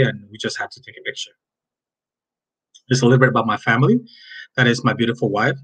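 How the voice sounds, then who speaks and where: A Cuban man in his fifties, a native Spanish speaker with a Cuban accent, introduces himself as a Spanish teacher in a chatty, friendly recorded class intro over slides. His medium-pitched voice is a bit bright and husky, and the audio is poor.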